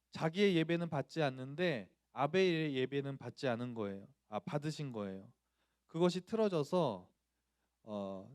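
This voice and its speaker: A man's voice: a little high, no room sound, clean studio sound. A man, a pastor, preaching a sermon to students, telling a personal story and asking the congregation questions. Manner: acts out quoted voices loudly.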